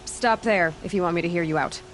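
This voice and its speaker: A woman's voice: lowish voice, fast talker, faint music behind, lightly acted. A woman playing a blunt, skeptical young huntress. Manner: dry, blunt, questioning. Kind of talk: video game dialogue.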